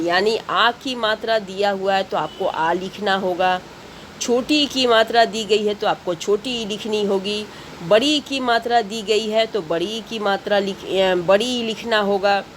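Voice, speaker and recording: Slow, patient woman teacher explaining grammar. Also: mid-range voice, a little hiss or hum. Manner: patient, repeats and spells out each step. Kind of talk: grammar lesson for schoolchildren.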